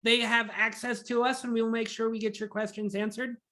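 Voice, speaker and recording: Fast, bright-voiced man presenting a webinar. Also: very high voice, level tone. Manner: rapid, enthusiastic, self-described nerd.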